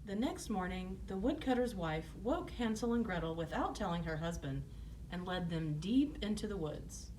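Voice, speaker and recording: A woman narrates as if opening a fairy tale for children. Her pitch moves in lively swings through the scripted story. She sounds slightly away from the mic, with faint noise. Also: normal speed, far from the mic, low-quality recording.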